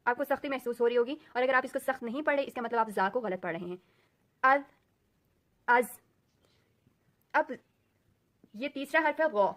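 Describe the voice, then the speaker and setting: A woman with an Urdu accent teaching a recorded lesson, speaking slowly and deliberately and repeating sounds as drills. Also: high voice. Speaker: Quran recitation teacher.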